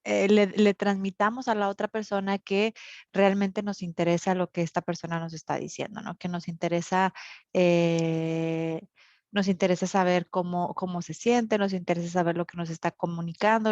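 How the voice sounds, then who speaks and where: A woman's voice: fairly low pitch, steady tone, normal speed, darkish tone, no echo. A woman teacher from northern Mexico with a Monterrey accent, lecturing an online class and explaining with many fillers and tag questions. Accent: Monterrey Mexican Spanish. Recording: dull, lo-fi recording.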